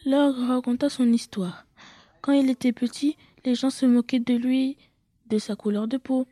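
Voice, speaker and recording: A woman reading her own children's story aloud, with dramatic loud bursts and whispered asides. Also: high-pitched, steady tone, measured pace, no room sound.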